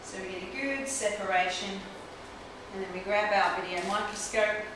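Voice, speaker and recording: A woman trichologist in her forties gives a hands-on demonstration, explaining a technique step by step as she treats a client in a small clinic room. Her delivery is flat, medium-pitched and moderately paced, captured by a camera mic across the room with echo and audible hiss.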